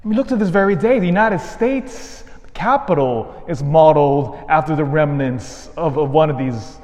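A man's voice: on the high side, animated, normal speed, darkish tone. Priest preaching in long cathedral echo, man's voice. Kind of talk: scripture reading and homily. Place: large reverberant church.

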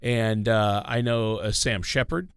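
A man's voice: fairly low pitch, steady tone, unhurried, clear, resonant tone, no echo, clean studio sound. A man co-hosting a financial talk show, speaking in an easygoing way with frequent uh fillers. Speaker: co-host. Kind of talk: casual radio talk show chat.

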